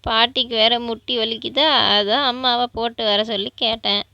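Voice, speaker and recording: A woman voicing a kindly elderly grandmother in a doll vlog, speaking softly and patiently. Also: fairly high pitch, fairly even intonation, normal speed, vocal fry, no room sound, lo-fi sound. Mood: gentle. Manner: soft, patient, affectionate.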